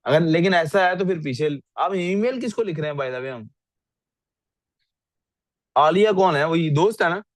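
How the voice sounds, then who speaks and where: Class से सवाल पूछता पुरुष teacher. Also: male voice, a little high, animated, normal speed, pauses often, no room sound. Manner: questions the class often, mixes English into Urdu. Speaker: English teacher. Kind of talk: online class, reviewing student writing.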